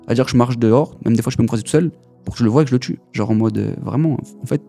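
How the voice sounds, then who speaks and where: A young man pours out his story in a rapid, headlong flow, his voice mellow and a little dark. He talks in loose street slang, repeating himself as he goes. Faint music sits under his voice. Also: mid-range voice, vocal fry. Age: young adult. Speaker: guest giving a testimony. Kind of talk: casual spoken testimony.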